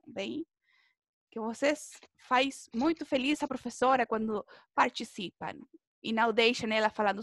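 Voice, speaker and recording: Brief: woman language teacher, high voice, encouraging, dry close mic. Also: no room sound. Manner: encouraging, drills pronunciation with students. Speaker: Portuguese teacher. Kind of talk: online language class.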